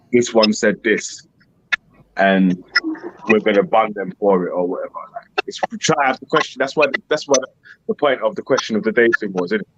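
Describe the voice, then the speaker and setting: A man's voice: lowish voice, slightly rough, dull audio. A man with a London roadman accent hosting a casual panel, talking in street slang and tagging his points with little questions. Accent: London street slang (roadman) English. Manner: slangy, frequent tag questions. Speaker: host moderating a panel. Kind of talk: casual live panel chat.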